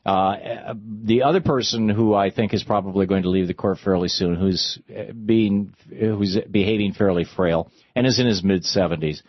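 A radio talk show host with a fairly low voice runs a call-in program, arguing his way through legal and political points in a discursive style, often halting and restarting mid-sentence. He speaks at a normal rate with few pauses. The recording has no room sound and the high frequencies are cut off.

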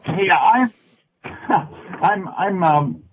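A man in his early sixties calling in to a radio show on a speakerphone over an internet line, halting and searching for his words as he talks. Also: high voice, lively intonation, slight background noise. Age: 60s. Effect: speakerphone call over an internet line. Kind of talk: call-in conversation. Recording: muffled lo-fi speakerphone call.

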